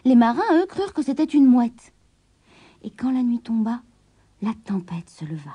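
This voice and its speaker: A woman reading a children's story aloud in an expressive way, often dropping to a whisper. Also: a little high, moderate pace, breathy edge.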